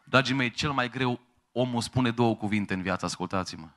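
A male pastor preaching a sermon in church, quoting voices and building to loud raised passages. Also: medium pitch.

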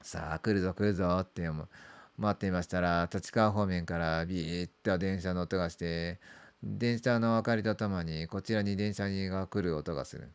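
Deep-voiced man telling a creepy ghost story. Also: clean tone. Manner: creepy storytelling with drawn-out words, repeated phrases and trailing sentence ends. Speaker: amateur ghost story teller. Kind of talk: spooky ghost story narration imitating a veteran storyteller. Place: small dark room indoors.

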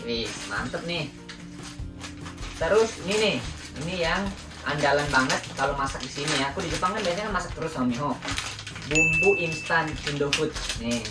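A man's voice: fairly high pitch, animated, moderate pace, long pauses. A young man from Indonesia hosting a casual home vlog, chatting to his viewers and often calling them guys. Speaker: vlog host. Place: small room at home, indoors. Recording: roomy, distant sound with background music.

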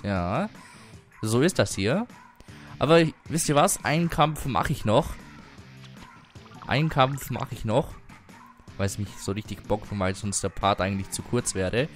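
A man giving casual commentary while playing an online shooter, excitable, humming and swearing at times. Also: on the low side. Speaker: gaming livestreamer.

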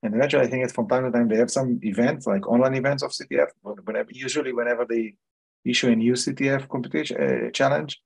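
A middle-aged man, hosting a meetup panel over a video call, speaking haltingly with many fillers and restarts. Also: medium pitch, gravelly, darkish tone, husky, poor audio. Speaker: meetup host. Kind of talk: casual panel chat.

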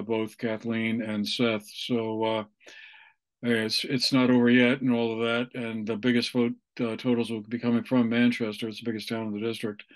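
A man in his sixties giving an unscripted election report over a video call, in halting, measured phrases. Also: medium pitch. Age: 60s. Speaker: local election correspondent. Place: small room at home, indoors. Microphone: video call on computer microphone.

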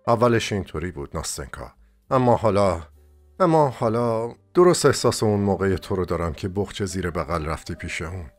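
A man's voice: deep voice, animated, soft background music. A man voicing a lovesick young dreamer in an audiobook, urgent and impassioned.

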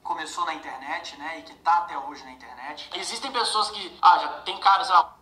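Bright woman with canyon echo. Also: low voice, brisk. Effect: canyon-like echo effect added in an editing app. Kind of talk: casual talk to camera. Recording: echo effect on a played clip.

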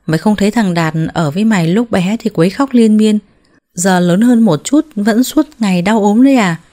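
A woman voicing a harsh, domineering older mother-in-law who talks loud and scolding, with a mellow tone. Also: medium pitch, moderate pace, close to an everyday voice.

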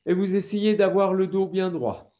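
A man with a French accent leading a yoga class over a video call, giving slow, calm instructions with breathing cues. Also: high voice. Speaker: yoga teacher.

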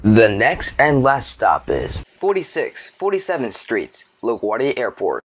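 A man's voice: medium pitch, huge pitch swings, unhurried, husky, dry recording. A man reading scripted subway station announcements in clipped, formal phrases, like an automated system.

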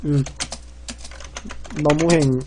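A man streaming and commentating a game, rambling and excitable, swinging between loud panic and quiet muttering. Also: fairly high pitch, very slow, slight background noise.

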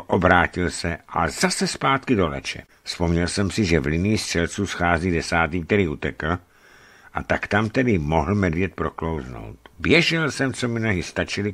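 A man narrating a memoir aloud, telling it in a lively storytelling manner. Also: sits low, no echo.

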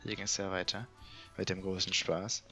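Gravelly-voiced man commenting on a game. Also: deep voice, little pitch movement, normal speed, sharp tone, faint music behind. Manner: chatty, muttering, swears and laughs. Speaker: let's play gamer.

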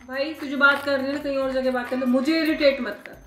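Shrill scolding young woman in an echoey room. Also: fairly even intonation, brisk, a bit bright, soft background music. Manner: scolding, exasperated. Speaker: sister-in-law. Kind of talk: heated family argument. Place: at home.

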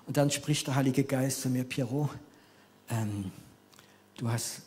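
A man in his fifties with French as his first language, preaching a sermon in German as an animated storyteller who swings between loud emphasis and quiet near-whispers. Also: mid-range voice, unhurried.

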